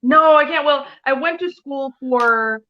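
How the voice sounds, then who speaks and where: A woman's voice: high voice, a little slow, highs cut off. A woman in her thirties from Taiwan, a comic artist guest, chatting casually and rambling with lots of "like" and "you know". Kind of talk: casual interview chat.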